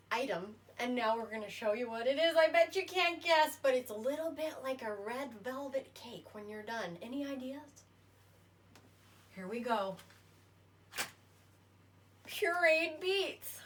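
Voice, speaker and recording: A woman's voice: fairly high pitch, moderate pace. A woman hosting a casual home cooking demonstration, chatty and folksy in a playfully self-deprecating way. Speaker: home cooking show host. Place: home kitchen, indoors. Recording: noisy home kitchen recording.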